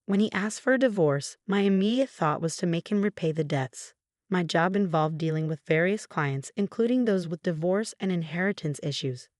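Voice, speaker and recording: A woman narrating a first-person story in a calm, even, scripted way. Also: lowish voice, moderate pace, no echo, clean studio sound.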